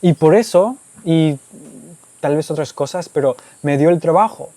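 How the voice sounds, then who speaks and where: Answering viewers' questions in a casual YouTube monologue, a warm-voiced man explains in Spanish that he learned as a second language, tacking "¿ok?" and "¿verdad?" onto his points. His voice sits a little high, he speaks at normal speed, and the recording is dry.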